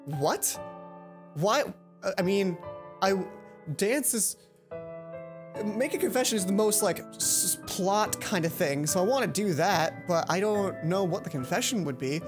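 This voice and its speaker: Reading a visual novel aloud for a let's play, this woman speaks at medium pitch, expressively and a little slowly. She drops in playful, chatty comments while music runs underneath.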